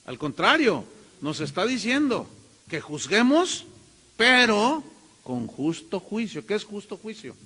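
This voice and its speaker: Emphatic Mexican pastor in a reverberant hall. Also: male voice, high voice, fairly bright tone. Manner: emphatic, rhetorical questions, mimics voices. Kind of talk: sermon.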